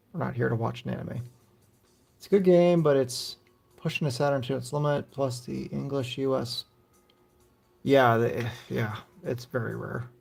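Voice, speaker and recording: A middle-aged man streams old console games live, chatting in a loose, rambling way and swearing casually. His medium-pitched voice has a gravelly edge of vocal fry.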